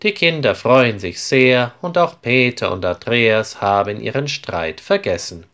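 A man narrating a children's story slowly and clearly, in an articulated reading style. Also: medium pitch, expressive, fairly bright tone. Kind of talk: storybook narration for language learners.

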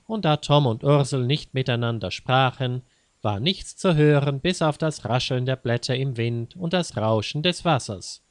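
Male audiobook narrator, calm and measured, slow pace, dry close sound. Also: mid-range voice, no room sound. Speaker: storyteller.

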